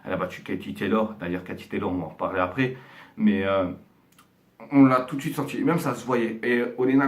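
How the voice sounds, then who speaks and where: A man talks to camera in a loose, rambling way. His voice sits a little low. He leans on slang and fillers, and he perks up when describing the punches. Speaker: boxing commentator reacting to a fight. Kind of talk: casual talk to camera.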